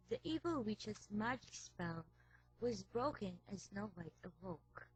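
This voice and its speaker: A woman reading a fairy tale aloud as storyteller, slow and careful. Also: mid-range voice, breathy edge, rough recording.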